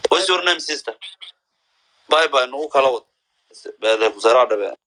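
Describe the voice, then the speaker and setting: A man from Somalia chatting on a video call, speaking halting, broken English and repeating his words. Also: medium pitch, lively intonation, a bit bright. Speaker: video chat caller. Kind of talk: casual video chat with strangers.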